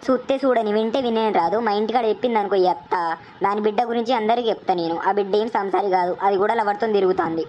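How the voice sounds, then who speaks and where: A woman's voice: medium pitch, rapid-fire, lo-fi sound, a little hiss or hum, natural voice. A woman doing a nagging village mother-in-law. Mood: suspicious. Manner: scolding, suspicious nagging. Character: gossiping middle-aged village mother-in-law.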